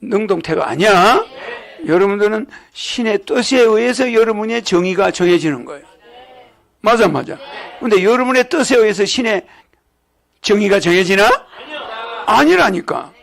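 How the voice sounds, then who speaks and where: Speaking to his followers, an elderly religious leader rambles through a sermon-lecture in a gravelly, high-sitting voice with lively intonation, normal speed and frequent pauses. He chuckles, goes over the same points again and again, and often asks, "right or not?"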